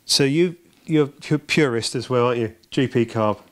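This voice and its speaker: A man's voice: mid-range voice, normal speed, a bit bright. A middle-aged English man with a handheld mic, interviewing a mechanic in a workshop, prompting eagerly with tag questions. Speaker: channel host interviewing a mechanic. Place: indoor motorcycle workshop. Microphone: handheld microphone with windscreen.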